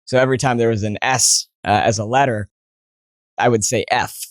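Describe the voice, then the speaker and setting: In this clean, echo-free studio clip, a man in his twenties speaks with a mid-range, steady voice at a slightly fast clip. He has an American accent, was born in Saudi Arabia and spent part of his childhood in New Jersey. As an interview guest he chats casually and tells stories, stumbling through many fillers and restarts.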